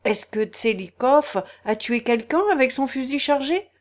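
A man's voice: very high voice, measured pace. A woman reading an audiobook voices an alarmed nobleman who keeps pressing his questions. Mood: agitated. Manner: agitated, insistent questioning. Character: alarmed male noble with a leaden stare.

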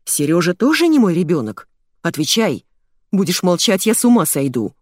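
A woman reading an audiobook, voicing a hysterical businessman who yells and rants over the phone. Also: on the low side, very animated, moderate pace, dry recording, clean studio sound. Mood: furious. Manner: yelling, ranting on the phone. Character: hysterical shouting middle-aged businessman. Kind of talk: audiobook character voice.

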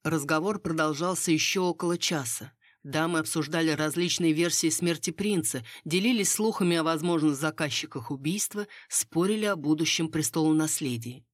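A woman narrating a novel in the first person in a steady, even storytelling manner. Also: sits low, normal speed, few pauses, dry recording, clean studio sound. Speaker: audiobook narrator.

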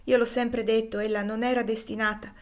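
A woman's voice: a little high, level tone, fairly quick, natural voice. Woman reading as an older nanny, emphatic, raised voice, audiobook reading.

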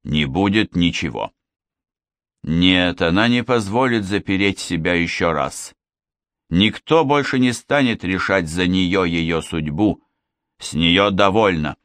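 Guy narrating an audiobook, lowish voice, dry close sound, measured and expressive. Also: no echo. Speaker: audiobook reader. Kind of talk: scripted narration.

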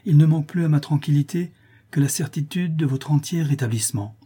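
Tender anxious noble marquise, read by a man, soft husky tone, pleads gently. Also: fairly high pitch, a little fast, voice pushed up. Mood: pleading. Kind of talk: audiobook reading.

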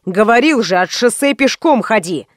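A woman's voice: fairly high pitch, lively intonation, normal speed, no room sound, clean studio sound, close to an everyday voice. A woman voicing a smug, lazy man of about forty who runs a gang, drawling and then shrieking. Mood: menacing.

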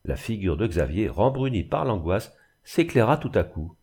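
A man giving a measured, expressive scripted narration of a classic novel as an audiobook reader. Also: on the low side, slightly rough.

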